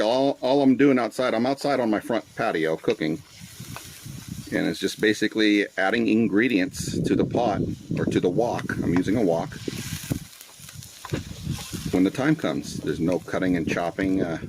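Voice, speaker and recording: This low-pitched cooking channel host, a man in his forties originally from the Philippines, casually narrates his vlog from a windy front patio. He's easygoing and chatty, dropping in Tagalog and filling pauses with "uh". Using Bluetooth earbuds on a cell phone, the outdoor recording is noisy with wind and the sizzle and stir of a wok.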